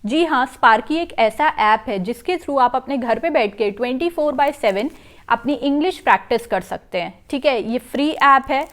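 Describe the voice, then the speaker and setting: A woman's voice: sits high, animated, moderate pace, a bit bright. A young woman from India giving English-speaking tips in a chatty vlog, slipping English phrases into her talk. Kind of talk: casual explanatory talk to camera.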